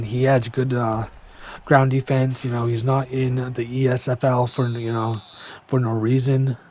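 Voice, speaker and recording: A young man giving a casual gameplay breakdown, full of "you know" fillers and sometimes rushing to keep up with the action. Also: medium pitch, a little hiss or hum. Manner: casual, filler-heavy, talks fast to keep up. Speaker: gaming YouTuber.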